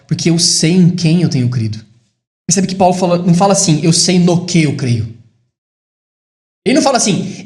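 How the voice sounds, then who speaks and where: Um homem brasileiro pregando um sermão, alternando declarações enfáticas que sobem com comentários baixos e reflexivos. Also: male voice, roomy sound. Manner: rises to emphatic high declarations, drops to quiet reflective asides. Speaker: preacher. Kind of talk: sermon.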